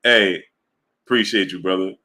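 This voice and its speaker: Man, live-stream sports host, casual chat, lowish voice, bright forceful tone, animated storyteller. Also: normal speed. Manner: animated storytelling, reads super chats, laughs often.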